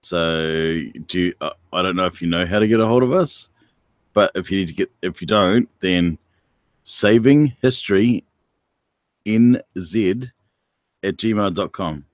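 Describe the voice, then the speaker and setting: A man's voice: low voice, unhurried, no room sound, studio quality. A man with a New Zealand accent hosting a casual livestream, teasing and chatting with viewers by name. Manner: laid-back, teasing, chats to viewers by name. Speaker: livestream host.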